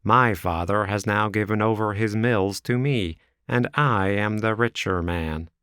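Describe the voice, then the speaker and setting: A man's voice: fairly low pitch, measured pace, fairly bright tone, clean tone, no echo, studio quality. A man voicing two boastful young suitors bragging about their wealth and position. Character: pompous young male suitors, self-important.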